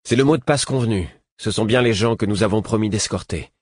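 A calm young prince who speaks politely and with composure, as a man reads him out. His voice sits low and carries some huskiness. The recording is dry and close. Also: brisk, slightly rough, no room sound. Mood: composed.

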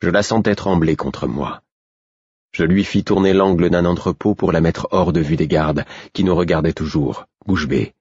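A man narrating an audiobook in a measured first-person manner. His voice is very deep and husky, recorded dry and close with a slightly dull, lo-fi tone. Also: darkish tone, dry recording.

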